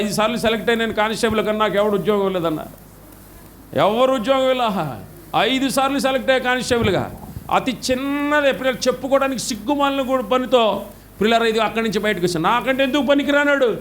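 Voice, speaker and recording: A middle-aged pastor from India preaching a sermon with passion, his voice swinging from loud highs to low drops. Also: a little hiss or hum.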